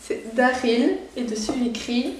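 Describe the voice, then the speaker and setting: Filming a casual unboxing vlog, this young Belgian woman speaks with a Belgian French accent at a measured pace, her pitch fairly high. She's eager, rambling and excitable, with many fillers, and the audio has a little hiss or hum, a distant mic and the echo of a roomy space.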